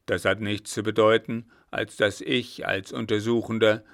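A man's voice: lowish voice, little pitch movement, normal speed, creaky, no room sound, clean studio sound. A man reading aloud, voicing a cold-blooded, unyielding army captain interrogating a prisoner. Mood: cold firm.

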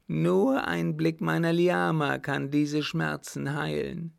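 A man voicing a tormented, raving young baron who wails in high, anguished outbursts, his voice a little gravelly. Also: level tone, slow, heavily acted. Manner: shrill, wailing, anguished outbursts.

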